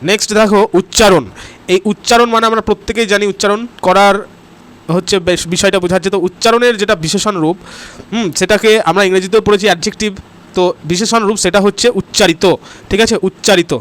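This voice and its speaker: A man's voice: high voice, steady tone, fast talker, a bit bright, clear, resonant tone. A man from West Bengal teaching grammar in an online exam-prep class, talking straight to his students and checking "okay?" after each answer. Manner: repeats "ঠিক আছে?" and "next question" as checks and cues; talks straight to the students, urging comments and likes.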